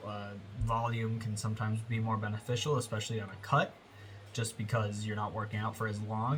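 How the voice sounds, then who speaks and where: A man's voice: on the low side, slight background noise. A young American man with a congested nose, giving a rambling casual voiceover about his workout, full of fillers and self-corrections. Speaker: fitness vlogger. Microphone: close voiceover mic.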